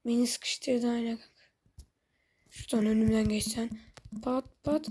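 A woman's voice: on the high side, steady tone, measured pace, darkish tone, husky. A woman giving casual commentary on her own gameplay. She breaks into exasperated outbursts, talks straight to her viewers, and sometimes mutters under her breath. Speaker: gaming channel host.

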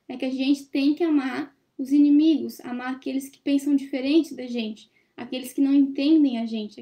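Young woman, study-group presenter; high and warm, reflective and questioning, laptop webcam in a small room. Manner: thoughtful, questioning the listeners. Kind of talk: reflective teaching talk. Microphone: laptop webcam on a video call.

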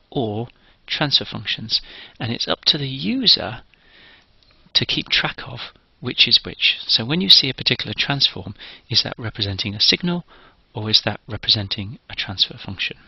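Man, lecturer, methodical step-by-step explaining, husky gravelly voice, dull dry lo-fi recording. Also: medium pitch, no room sound. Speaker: engineering lecturer.

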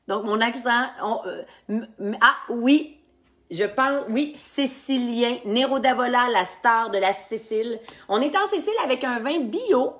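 A woman with a Québécois French accent hosting a wine quiz as a sommelier on a live stream, chatty and animated, talking straight to her viewers. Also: mid-range voice. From Quebec. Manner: chatty and animated, with frequent fillers and asides to viewers. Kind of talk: casual live-stream chat.

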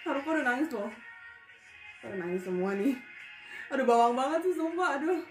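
A woman's voice: high voice, lively intonation, fairly quick. A young Indonesian woman chatting through a reaction video, gushing and teary, calling her viewers guys. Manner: gushing, emotional, slangy, addresses viewers as guys. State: teary, near crying. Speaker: YouTube reactor. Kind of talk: casual reaction video chat. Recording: echoey room with music playing behind.

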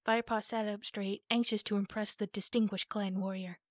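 A woman reading a children's animal novel aloud in a calm, measured soft ASMR style, close to the mic. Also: medium pitch, no echo. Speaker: audiobook reader.

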